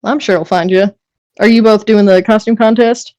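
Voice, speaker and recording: A woman's voice: mid-range voice, fairly even intonation, normal speed, a little mellow, no room sound, muffled recording. A woman playing a tabletop game in character, speaking in a friendly, encouraging way. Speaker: player.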